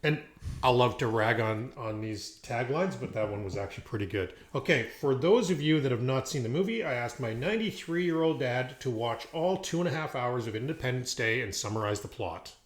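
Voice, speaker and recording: A man's voice: mid-range voice, lively intonation, brisk. A middle-aged man hosting a podcast, reading an upbeat introduction with a few fillers. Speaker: podcast host.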